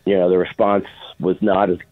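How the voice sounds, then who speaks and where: Low-voiced middle-aged man, thin phone-like sound. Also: level tone, brisk, noisy background. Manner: informal, quotes past dialogue in anecdotes. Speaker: interview guest, film producer. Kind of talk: casual anecdotal storytelling. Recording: phone-like, band-limited radio sound.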